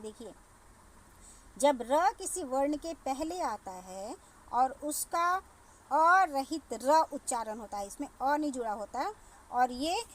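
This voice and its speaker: A woman with a high voice gives a recorded classroom lesson. She explains step by step and repeats words so young pupils can follow. A faint hum of ambience sits behind her. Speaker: school teacher.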